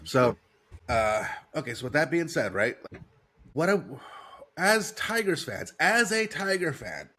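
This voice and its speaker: A man's voice: a little high, sing-song, measured pace, sharp tone, breathy edge. An American man hosting sports talk, congested with a head cold and breathing through his mouth, repeating his points for emphasis. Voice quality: stuffy-nosed.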